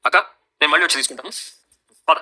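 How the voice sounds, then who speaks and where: An actor playing a hot-headed young husband, angry and commanding, in a TV serial. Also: male voice, fairly high pitch, quick pace, bright, forceful tone. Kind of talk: TV serial acting.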